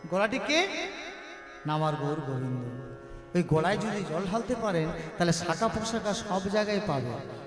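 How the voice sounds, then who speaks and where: A man's voice: high voice, sing-song, moderate pace. A man preaching a devotional sermon between sung verses, asking his listeners rhetorical questions and calling out for responses. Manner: call-and-response with the audience. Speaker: kirtan singer and preacher. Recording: roomy echo with long reverb. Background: devotional music playing.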